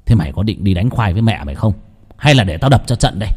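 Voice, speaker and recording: A man voicing a rough village father who swears and wails loudly, in a spoken ghost story. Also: on the low side, animated, quick pace, big-room sound. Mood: gruff. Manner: gruff, swearing, wailing loudly. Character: rough-tongued village father, hot-tempered and cursing.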